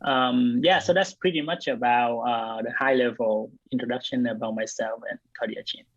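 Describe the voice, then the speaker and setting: Here a blockchain company's co-founder and CTO, born in Vietnam, answers interview questions casually as a guest. He hesitates often, with many fillers and restarts, at a moderate pace. Medium pitch, a steady tone, and a dry, lo-fi recording.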